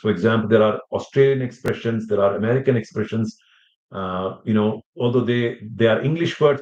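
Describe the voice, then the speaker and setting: Guy teaching a test prep class, lowish voice, chatty and rambling, echoey room, kinda muffled sound. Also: a little mellow. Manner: conversational, rambling, many "you know" asides. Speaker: IELTS teacher. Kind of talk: informal lecture to students. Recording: roomy, slightly dull audio.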